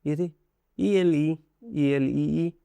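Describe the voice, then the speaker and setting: A man's voice: fairly high pitch, very slow, vocal fry, dark tone, clean tone, no echo. A young man from India with an Indian accent, teaching an exam-prep lesson and explaining in a direct way to his students. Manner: mixes English terms into Hindi, addresses students directly.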